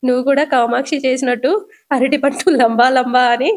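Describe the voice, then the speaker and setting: A woman's voice: high voice, fairly even intonation, a little fast, close to an everyday voice. A woman voicing a timid, henpecked older husband who pleads and frets. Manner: pleading, fretful.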